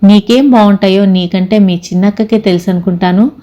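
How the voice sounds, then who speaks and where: A woman's voice: mid-range voice, steady tone, a little fast, mellow, highs cut off, natural voice. A woman reading the lines of a chatty, curious young woman friend in an audio story.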